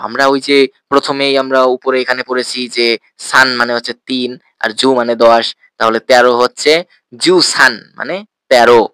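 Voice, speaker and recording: A man teaching a language lesson, with a bright, forceful tone and a mid-pitched voice. He is patient and says each word several times, slowly, for his learners. The recording is dry and close, with no room sound. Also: dry recording. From Bangladesh.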